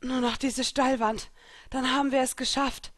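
A woman's voice: high voice, measured pace, no room sound, pitched above the performer's own voice. A woman voicing a brave, commanding young woman warrior in a read-aloud story, calling out urgently. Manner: urgent, raised calls.

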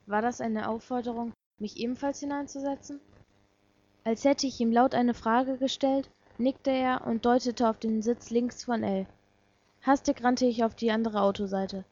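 A woman reading a first-person story aloud in a soft, subdued, dramatic way. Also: fairly high pitch, steady tone, moderate pace. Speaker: story reader. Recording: dull lo-fi recording.

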